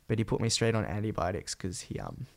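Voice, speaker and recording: Croaky, phlegmy young Australian man. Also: fairly low pitch, big pitch swings, fast. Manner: rambling, slangy, swearing casually. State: sick with a cold, voice partly gone. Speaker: podcast host and vlogger. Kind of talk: casual solo podcast catch-up.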